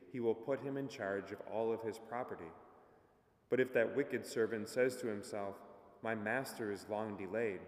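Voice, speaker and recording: Male priest preaching in a big church, cathedral echo, lots of room sound. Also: lowish voice. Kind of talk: gospel reading and homily at mass. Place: large church. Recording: echoey church with long reverb.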